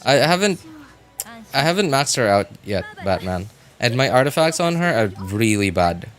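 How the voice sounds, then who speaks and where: A game livestreamer talks casually to his viewers as he plays, speaking haltingly and muttering to himself. His mid-range voice is very animated and a bit bright, with soft music playing in the background.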